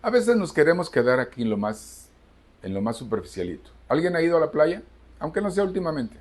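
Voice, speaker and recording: Husky man preaching. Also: a little high, big pitch swings, brisk, a little mellow. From Cuba. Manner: preaching to a congregation with emphatic repetition. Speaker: pastor. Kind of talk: sermon. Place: church service.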